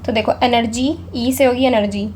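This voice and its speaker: A woman's voice: on the high side, steady tone, normal speed, a little mellow, a little hiss or hum. A young woman gives a casual vocabulary lesson, chatty and often saying "theek hai". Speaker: exam vocabulary teacher.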